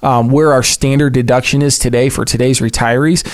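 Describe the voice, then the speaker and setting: A man's voice: mid-range voice, fairly even intonation, a little fast. An American man speaking as a financial advisor, explaining things conversationally in a folksy, plain-spoken way.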